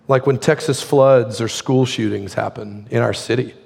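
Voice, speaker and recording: Preaching a sermon, a male pastor speaks conversationally and peppers his talk with "like." His voice is hoarse, mid-range and darkish, at a moderate pace, and the sound trails off in a long reverb tail.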